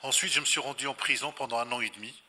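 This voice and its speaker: A man's voice: medium pitch, racing, pushed and bright, slightly rough. A man speaking as an invited scholar at a public talk, explaining reflectively and didactically, repeating phrases for emphasis. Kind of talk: explanatory spontaneous lecture answer. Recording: reverberant hall.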